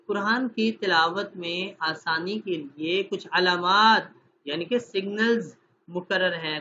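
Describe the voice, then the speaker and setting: A man teaching an online Quran recitation class with a dry throat from fasting. He explains through examples and asks his students questions. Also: high-pitched, pushed and bright. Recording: dull, slightly noisy online call audio.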